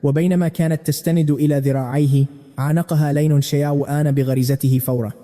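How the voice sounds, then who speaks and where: A man narrating a comic story recap briskly. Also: a little high, steady tone, warm tone, in a large hall. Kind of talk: fast manhwa recap narration.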